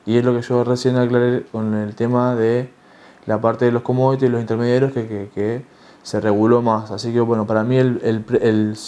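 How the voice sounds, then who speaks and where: A man giving a tax lecture, talking in a halting way with many fillers and restarts. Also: mid-range voice, mellow. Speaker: tax instructor.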